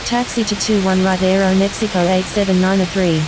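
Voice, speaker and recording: A woman plays a businesslike airline pilot on the radio in a flight simulator game, giving clipped, procedural read-backs. Her mid-range voice barely moves in pitch and she talks briskly. Loud, hissing radio static covers the recording.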